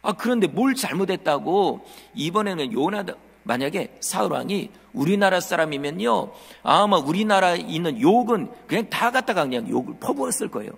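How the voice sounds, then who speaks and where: A male pastor delivers a lively sermon, his voice swooping up and down as he tells the story. His tone is gravelly and a little husky. The sound carries a long reverb from the church hall. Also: sits high, moderate pace, few pauses. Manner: animated storytelling, acting out quotes; addresses the congregation directly. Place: church sanctuary.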